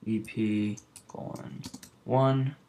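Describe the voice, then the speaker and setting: A man's voice: fairly low pitch, steady tone, extremely slow, mellow, slight background noise. A young man talking casually through a design tutorial, rambling and muttering to himself as he works. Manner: rambling, mutters under breath while working. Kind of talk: casual screen-recorded tutorial.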